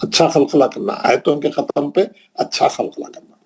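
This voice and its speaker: A man's voice: a little high, steady tone, normal speed, vocal fry, darkish tone, husky. A man from India with a Hyderabadi Urdu accent, teaching a Quran recitation class patiently, repeating points and checking in with his students. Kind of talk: classroom lesson.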